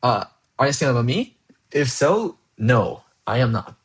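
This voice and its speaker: A young Colombian man, a native Spanish speaker, chats casually while coding on a livestream. His medium-pitched, slightly rough voice swings widely in pitch at a moderate pace. He rambles and thinks aloud with lots of fillers and restarts, laughs often, and reads the chat aloud.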